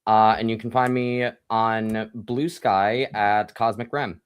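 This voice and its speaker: A tabletop player with a smooth, clear voice introduces themself on a game stream. They speak in a soft-spoken, hesitant way at a middle pitch. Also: steady tone, slow pace, lo-fi sound.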